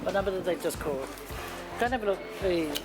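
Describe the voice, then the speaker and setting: Playful woman vlogger over loud music. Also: mid-range voice, animated, fast talker. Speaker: vlogger hosting a food outing. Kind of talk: casual vlog chat. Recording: loud music behind a casual vlog recording.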